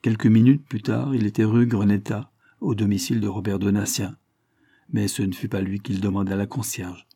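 A man reading a novel aloud with steady, measured narration. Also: fairly low pitch, husky, dry recording, clean studio sound.

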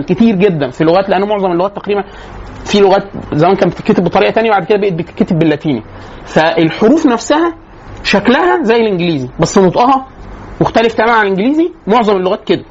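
Rapid-fire Egyptian man lecturing. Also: sits high. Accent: Egyptian Arabic. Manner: rapid, colloquial, many rhetorical questions and restarts. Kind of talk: informal lecture. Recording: slightly dull lo-fi sound with faint noise.

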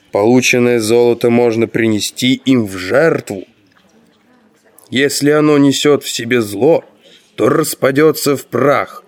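A man reading a humble, persuasive young stranger. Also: fairly low pitch. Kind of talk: audiobook narration.

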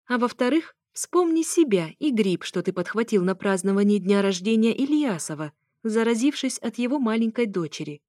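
A woman voicing a sharp-tongued young woman who snaps indignantly at her ex-husband. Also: on the high side, animated, moderate pace, few pauses, dry recording, studio quality, voice pushed up, lightly acted. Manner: indignant, snapping.

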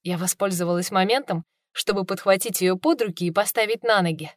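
A woman reading a first-person fantasy audiobook in an expressive, emotional way. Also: mid-range voice, fairly quick, dry recording, studio quality. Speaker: audiobook reader.

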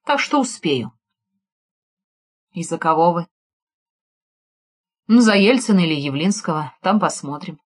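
A woman's voice: on the low side, animated, a little slow, pauses often. A woman reading the lines of a wary male investigator in an audiobook, cautious and ironic. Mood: wry.

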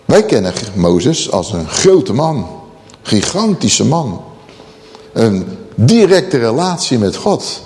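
A man's voice: medium pitch, sing-song, takes it slowly, a little mellow. A man preaching a Bible-teaching sermon who asks rhetorical questions and draws out key words for emphasis. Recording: long reverb of a large hall.

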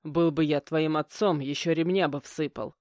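A man's voice: fairly high pitch, steady tone, moderate pace, darkish tone, dry recording, studio quality, natural voice. A woman voicing a stern middle-aged stepfather who lectures curtly. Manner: curt, lecturing.

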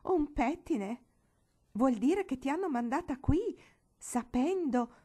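A woman's voice: a little high, lively intonation, brisk, darkish tone, pitched above the performer's own voice. A woman voicing a stern old aunt with a remote, tearful, cavernous voice and a commanding manner in a storybook reading. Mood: horrified.

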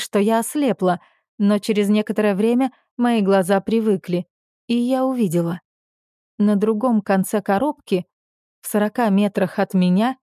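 A woman's voice: mid-range voice, mellow, no room sound, clean studio sound. A woman narrating a first-person novel as an audiobook, with intimate, emotional storytelling.

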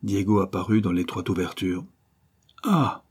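A man narrating an adventure novel aloud, steady and measured. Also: fairly low pitch, breathy edge. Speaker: audiobook narrator. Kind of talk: scripted narration.

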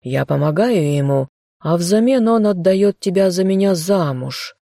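A woman's voice: fairly low pitch, expressive, a little slow, creaky, warm tone, no room sound, studio quality. A woman voicing a smug, scheming young man who coaxes and taunts the girl he captured. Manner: smirking, coaxing.

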